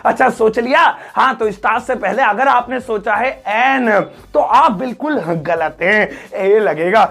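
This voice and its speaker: A man teaching an English grammar lesson, joking and teasing his students and drawing words out slowly. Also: high voice, gravelly, fairly bright tone. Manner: joking, playful teasing of students, drawn-out slow-motion sounds.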